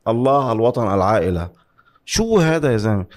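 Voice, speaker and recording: Fast-talking, argumentative Lebanese man. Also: medium pitch, sing-song. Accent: Lebanese Arabic. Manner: argumentative, interrupting, repeats words emphatically, asks rhetorical questions. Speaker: interview guest giving political commentary. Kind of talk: heated conversational political debate.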